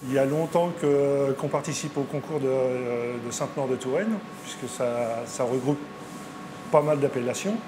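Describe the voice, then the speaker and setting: A man, a goat farmer, answering interview questions hesitantly, with many pauses and fillers. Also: medium pitch, noisy background.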